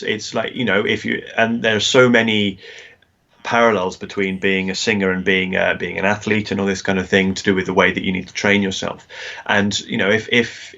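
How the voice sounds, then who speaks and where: A man's voice: on the low side, fairly bright tone, dull audio. A male singer and singing teacher, a guest on a video-call interview, explaining technique with many restarts and fillers.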